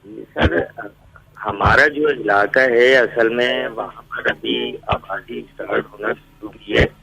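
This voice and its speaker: A man's voice: mid-range voice, slow pace, vocal fry, crowd noise, rough recording. A man phoning in to a radio show over a bad connection that keeps cutting out, speaking politely and repeating himself. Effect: bad phone connection that keeps cutting out. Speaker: caller. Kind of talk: phone-in call to a radio show.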